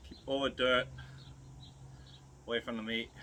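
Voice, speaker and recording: Bright-voiced Kiwi man, casual and colloquial. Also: mid-range voice, little pitch movement, normal speed, slight background noise. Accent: New Zealand. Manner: laid-back, colloquial, instructive. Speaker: host demonstrating butchery to viewers. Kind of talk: casual chat while working.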